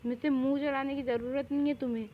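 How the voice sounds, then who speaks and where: A woman's voice: sits high, level tone, fast talker, a little hiss or hum, natural voice. A girl doing a rude, haughty woman boss. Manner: haughty, scolding. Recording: dull lo-fi recording.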